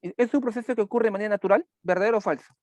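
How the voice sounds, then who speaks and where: A man's voice: high voice, racing, a little mellow, dry recording, dull audio. A man teaching a chemistry class online, repeating key points and asking students questions as he goes.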